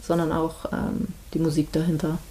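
This Hamburg midwife, a guest on a podcast, has a warm, fairly low voice and a completely flat delivery. In relaxed conversation she weighs her words, frequently stopping and hesitating before going on, and comes off as an easygoing guest.

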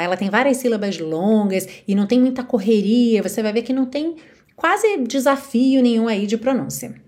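A woman's voice: fairly high pitch, a little mellow. Bubbly Brazilian woman teaching English. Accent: Brazilian Portuguese. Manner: enthusiastic, demonstrates by singing lyric lines. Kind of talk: online pronunciation lesson through songs.

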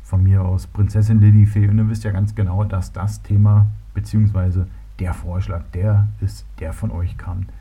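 A man's voice: lowish voice, normal speed, husky, faint music behind. A man from Berlin hosting his own podcast, talking casually and hesitantly with lots of fillers. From Berlin, Germany. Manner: relaxed, hesitant with many fillers and restarts. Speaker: podcast host. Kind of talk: casual solo podcast talk. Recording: tinny phone-like sound.

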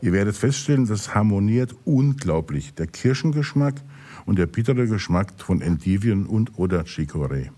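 Male co-host, lowish voice, dry self-mocking wit, relaxed chat. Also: moderate pace. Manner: dry, self-ironic humor. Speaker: podcast co-host. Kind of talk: casual chat.

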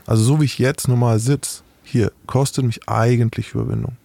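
A man's voice: medium pitch, fairly even intonation, fairly quick, vocal fry, dark tone, dry recording. A middle-aged man speaking as an interview guest, talking frankly and matter-of-factly in a casual interview.

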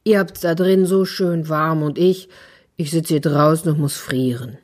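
Sulky, slow-talking storybook bear voiced by a woman, low and husky. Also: steady tone, darkish tone. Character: big sulky, cold bear.

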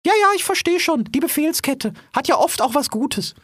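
Woman doing a prim polite mouse, high voice, dry close sound. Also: lively intonation, normal speed, no echo. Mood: grateful. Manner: very polite, formal and eager. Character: polite, chatty female mouse surveyor. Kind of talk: audio drama acting.

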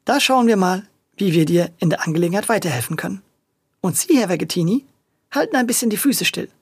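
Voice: mid-range voice, animated, fast, slightly rough, dry recording, studio quality. A storyteller voicing an experienced, dutiful policewoman who speaks firmly and matter-of-factly in a children's audio story. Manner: firm and matter-of-fact.

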